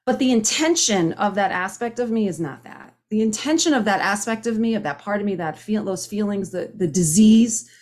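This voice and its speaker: A woman in her fifties shares her personal story at a recovery meeting, joining by video call from home on the call's microphone. Her mid-range voice is expressive and darkish, moving at a moderate pace with few pauses, and she's earnest and conversational, often restarting sentences.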